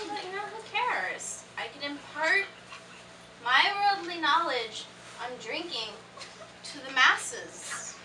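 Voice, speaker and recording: Sitting high in pitch, a woman's voice portrays a giggly, tipsy teenage girl, breezy and rambling, in a live comedic stage monologue. She performs on a convention panel for a laughing audience. The recording is noisy and distant, with echoey room sound.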